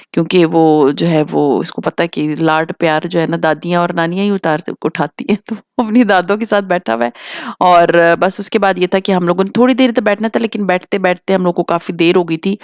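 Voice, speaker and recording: A woman's voice: on the low side, no echo, studio quality. A woman in her thirties from Pakistan, chatting casually through a home vlog and mixing in English phrases. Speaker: vlogger.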